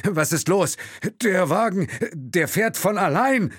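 A man's voice: high voice, lively intonation, no room sound, clean studio sound, pitched above the performer's own voice, heavily acted. A man doing a stammering panicked chauffeur. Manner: halting, stammering.

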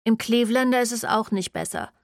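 A bored young college girl, voiced by a woman reading aloud who shares gossip in a weary, matter-of-fact way. The pitch sits a little above the narrator's, dry and near. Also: a little fast, no echo, close to an everyday voice.

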